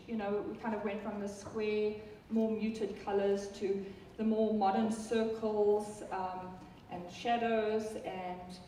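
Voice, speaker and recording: A South African woman with a medium-pitched, warm voice gives a chatty live talk about a software product to an audience, full of ums and restarts. She's recorded from far off in an echoey hall, with slight background noise.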